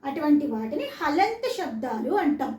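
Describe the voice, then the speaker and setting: With a high-pitched, darkish voice that swings widely in pitch, a woman moves at a moderate pace through a children's lesson. She patiently spells words syllable by syllable and puts questions to the listener, classroom-style. The far-placed mic leaves a roomy echo.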